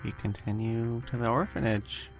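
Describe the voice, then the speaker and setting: A man narrating a tabletop game as game master, with slow, deliberate descriptions. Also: mid-range voice, steady tone. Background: background music.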